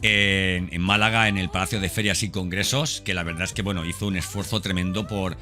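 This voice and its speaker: A podcast host speaks in a deep, pushed, bright voice with fairly even intonation and a brisk pace. Talking informally and without a script, he addresses the listener directly and repeats phrases for emphasis, while background music plays beneath.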